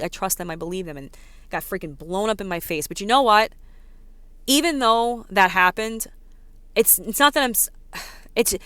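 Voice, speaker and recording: A woman in her thirties with a New York accent, ranting casually to her vlog audience, talking fast and packing her speech with "like" and "you know.". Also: medium pitch, fairly bright tone, clear, resonant tone, dry recording. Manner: fast, filler-heavy talk with many "like"s and "you know"s. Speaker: vlogger. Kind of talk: casual rant to camera.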